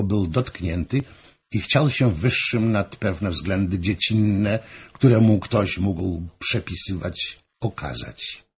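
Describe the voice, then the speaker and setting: A male audiobook narrator giving an expressive, measured scripted reading of a historical novel. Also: lowish voice, breathy edge.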